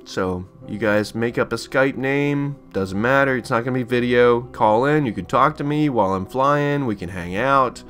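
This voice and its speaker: A man's voice: medium pitch, moderate pace, few pauses, fairly bright tone. A man hosting a let's play who gives casual, rambling commentary as he flies, with frequent restarts and chuckles.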